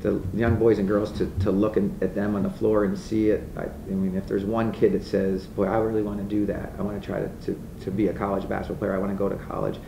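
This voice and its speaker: At a table mic in a press room, a middle-aged head coach gives blunt, matter-of-fact answers at a postgame press conference. His lowish voice has vocal fry and a level tone, moving quickly with few pauses, and the recording is echoey, distant, and noisy.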